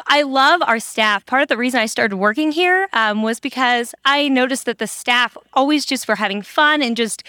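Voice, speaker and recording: A woman's voice: fairly high pitch, pushed and bright, clear, resonant tone, no echo, studio quality. A woman who is a wellness coordinator at a senior living community, talking enthusiastically as an interview guest, with frequent ums and restarts.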